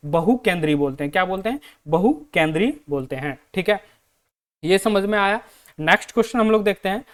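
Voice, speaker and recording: An Indian man with a Hindi accent, teaching an exam-prep lesson in Hindi and English. He asks his own questions and answers them, and reads the English sentences out slowly. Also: high voice. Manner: repeats questions to students and answers them himself.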